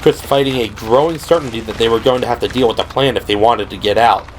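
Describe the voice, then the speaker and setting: This fast-talking man, whose voice is mid-range, gives dramatic scripted narration for a horror audio drama. There's a clearly noisy background with ambient sound effects throughout.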